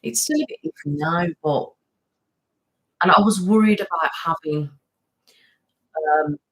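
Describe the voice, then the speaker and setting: A woman with a fairly low voice talks a little slowly as she hosts an informal live stream from home, chatting on and replying to viewers' comments in a rambling way. The recording is rough.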